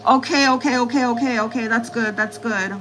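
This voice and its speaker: High-voiced woman giving tarot readings. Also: steady tone, brisk, a bit bright, a little hiss or hum, low-quality recording. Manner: repetitive, reassuring, relays spirit messages. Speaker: tarot reader. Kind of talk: live-stream tarot reading.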